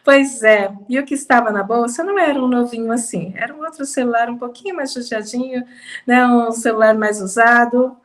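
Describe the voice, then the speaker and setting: A Brazilian woman with a slightly high voice tells a personal testimony slowly and emphatically, with pauses. She sounds a little stuffy, as if holding back sneezes. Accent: Brazilian Portuguese. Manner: slow, emphatic, with pauses and soft laughs. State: slightly congested, fighting sneezes. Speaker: testimony speaker. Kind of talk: personal testimony, conversational storytelling.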